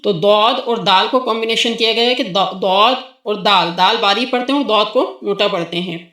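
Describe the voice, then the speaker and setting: A woman's voice: mid-range voice, fairly bright tone, roomy sound. A woman teaching Quranic letter pronunciation to a child, patiently explaining and stretching out sung syllables for the child to repeat. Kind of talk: tajweed lesson with a child.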